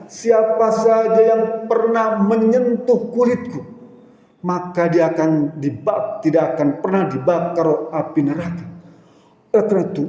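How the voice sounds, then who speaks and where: A preacher takes on a remorseful man begging forgiveness, his voice lifted high and drawn out slowly. The tone is plaintive and mellow. It is heard in a reverberant hall with a long echo tail. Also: lo-fi sound, natural voice. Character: remorseful man pleading, tearful companion.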